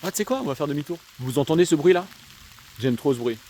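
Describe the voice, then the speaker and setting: Man, Alsatian accent, mellow dark voice, casual rambling vlog, outdoors, faint rain noise behind. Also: on the high side, lively intonation, fast. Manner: slangy, chatty, addresses viewers directly. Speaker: vlogger; schoolteacher. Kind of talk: casual rambling monologue while walking. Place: outdoors on a countryside walk. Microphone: handheld camera.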